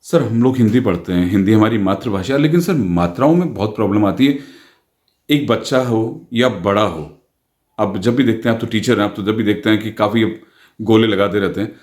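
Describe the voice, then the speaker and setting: A man's voice: fairly low pitch, a little fast, darkish tone. A man interviewing a teacher, asking questions politely and often addressing him as sir.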